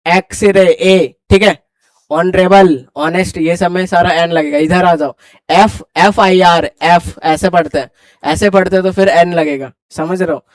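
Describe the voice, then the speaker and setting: Brisk high-voiced male classroom teacher. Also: steady tone, no room sound. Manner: brisk, quizzing students and urging them to hurry. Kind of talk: classroom grammar lecture.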